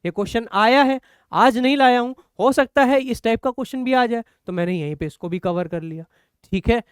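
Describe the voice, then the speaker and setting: High, clear-voiced man teaching chemistry. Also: brisk, no room sound, clean studio sound. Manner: encouraging, explains step by step with rhetorical questions. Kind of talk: online exam-prep lecture.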